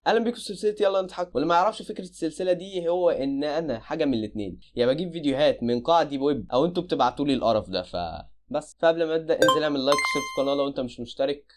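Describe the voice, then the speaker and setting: A man with an Egyptian accent giving casual reaction commentary on videos, full of loud exclamations and repeated cries of disbelief. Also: a little high, rapid-fire, few pauses, music in the background. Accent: Egyptian Arabic.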